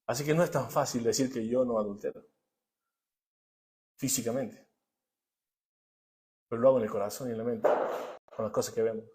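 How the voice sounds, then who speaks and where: A middle-aged male pastor, preaching a sermon. He swings between hushed asides and loud, emphatic bursts, often putting rhetorical questions to the congregation. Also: medium pitch, steady tone, normal speed, long pauses, slight background noise.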